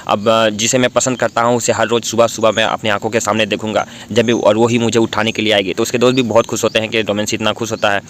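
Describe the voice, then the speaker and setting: Fast, chatty man recapping a drama. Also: lowish voice, level tone, a bit bright, slight background noise. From India. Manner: chatty, restarts, asks listener along. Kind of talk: casual drama retelling.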